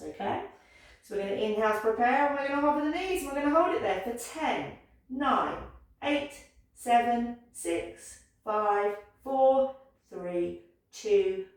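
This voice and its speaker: A woman guides a pilates class with soft, encouraging cues and steady countdowns. Her voice sits a little high and sounds set back from the microphone. The room around her rings with heavy echo. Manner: encouraging, gentle cueing, counts down aloud. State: slightly out of breath at times. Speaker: pilates instructor. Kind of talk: guided exercise class instruction. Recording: echoey room, voice from a distance.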